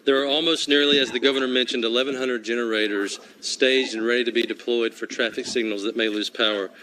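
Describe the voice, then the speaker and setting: A man speaking as a state transportation official, giving a formal, measured press briefing statement from prepared remarks. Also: medium pitch, steady tone, bright, forceful tone, slight background noise, poor audio.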